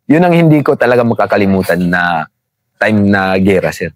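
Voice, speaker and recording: Speaking at normal speed in a fairly low, very animated voice, this middle-aged man, once a rebel fighter, recounts his past to an interviewer. The recording is dry, and he keeps respectfully addressing the host as sir.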